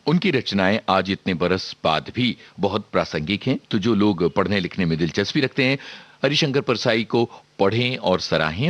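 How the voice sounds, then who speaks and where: A man presenting on radio, sharing information in a measured way with frequent filler pauses. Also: fairly low pitch, fairly bright tone, no room sound.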